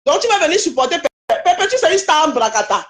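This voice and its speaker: A woman joins a live stream as a guest and lectures someone in a scolding tone. Her high voice presses the same points again and again. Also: big pitch swings, quick pace. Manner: scolding, lecturing, repeats phrases. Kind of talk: heated live stream commentary.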